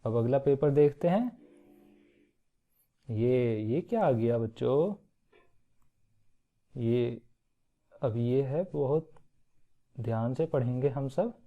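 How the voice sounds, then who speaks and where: Slow-talking male teacher, tinny sound. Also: mid-range voice, animated. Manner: slow, sing-song poem recitation with repeated checks on the children. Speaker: primary school teacher. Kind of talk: explaining a children's lesson and reciting a poem. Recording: tinny phone-like audio.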